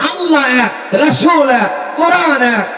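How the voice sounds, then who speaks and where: Loud, lively Bengali preacher in echoey hall. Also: male voice, very high-pitched, unhurried, recorded from a distance. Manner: emphatic, building lists, rising to loud declarations. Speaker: Islamic scholar speaking at a clerics' conference. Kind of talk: Bengali religious speech to a crowd. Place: large hall or outdoor stage with PA.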